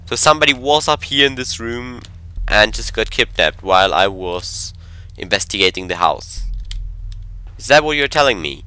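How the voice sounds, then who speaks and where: A man's voice: on the low side, lively intonation, normal speed, sharp tone, clear, resonant tone. Jumpy man narrating a horror game. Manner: jumpy, talks to himself, drops to whispers when scared. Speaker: gameplay commentator. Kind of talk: horror game let's play commentary.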